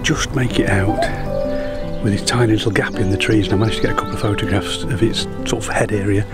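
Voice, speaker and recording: Middle-aged male birding guide, low voice, hushed casual vlog to camera outdoors, music and birdsong under him. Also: fairly even intonation. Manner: quiet, hushed and unhurried, keeping noise down for wildlife. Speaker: bird tour guide and wildlife photographer. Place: outdoors in woodland and moorland. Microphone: camera-mounted mic, close selfie framing. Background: background music and birdsong.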